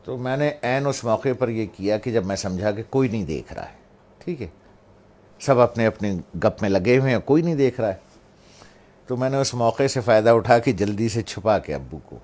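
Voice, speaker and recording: Brief: middle-aged man, low voice, relaxed anecdote-telling. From Pakistan. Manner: relaxed storytelling, pointing out gestures as he speaks. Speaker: speaker giving a moral talk. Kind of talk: personal anecdote in a talk.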